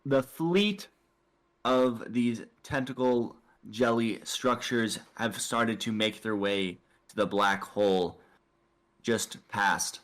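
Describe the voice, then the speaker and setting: A man narrating a tabletop space adventure as game master, in a slow, deliberate way with pauses. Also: fairly low pitch, fairly bright tone. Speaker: dungeon master.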